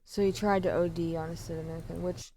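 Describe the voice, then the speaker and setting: A woman's voice: on the low side, fairly even intonation, fast talker, mellow, slight background noise. A woman streamer giving casual reaction commentary, blunt and angry, swearing freely. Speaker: streamer reacting to trial footage.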